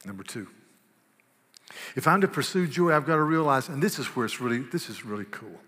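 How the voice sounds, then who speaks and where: A man preaching a sermon, animated, swinging from loud bursts to hushed asides. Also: mid-range voice, a little fast. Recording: long reverb of a large hall.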